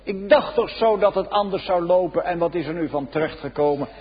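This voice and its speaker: A man preaching a solemn sermon, swinging between loud exclamations and hushed, low passages. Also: a little fast, breathy edge. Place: church. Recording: dull lo-fi recording in a reverberant church.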